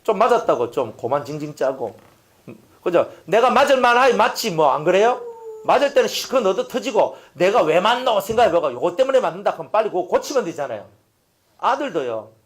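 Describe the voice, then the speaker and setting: A male pastor delivers a sermon in a folksy, animated manner. His pitch sits a little high and swings widely as he acts out everyday scenes. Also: a little fast.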